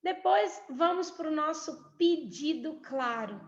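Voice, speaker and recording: A woman's voice: sits high, lively intonation, slow pace, slight background noise. A Brazilian woman mentoring couples, explaining her points with acted everyday examples. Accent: Brazilian Portuguese. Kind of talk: teaching a couples workshop. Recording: echoey room, dull lo-fi sound.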